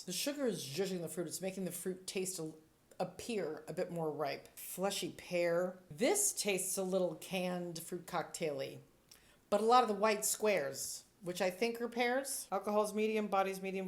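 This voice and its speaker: A woman sommelier giving casual tasting commentary, thinking aloud with playful, descriptive asides. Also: lowish voice. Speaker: sommelier reviewing wines.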